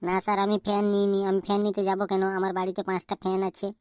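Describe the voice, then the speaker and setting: Cheeky cartoon schoolboy, flippant; woman voices him fast with a flat, low tone. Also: smooth, no room sound, studio quality, natural voice. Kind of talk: cartoon voice acting.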